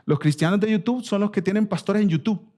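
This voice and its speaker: A man with a Latin American Spanish accent preaches an expository sermon to his church as its pastor. His voice is high, mellow and a little fast, and he exhorts emphatically, repeating phrases and posing rhetorical questions.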